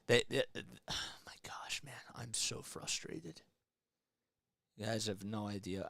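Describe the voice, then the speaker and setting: A young man with a lowish voice does excitable live fan play-by-play of a basketball game, yelling at big plays and falling to a hushed mutter in between. The recording is dry and studio quality.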